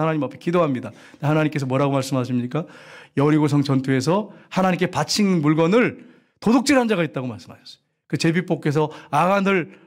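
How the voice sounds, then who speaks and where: A male pastor preaching a sermon, speaking directly to the congregation with sudden rises and drops in pitch. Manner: sings a hymn line slowly.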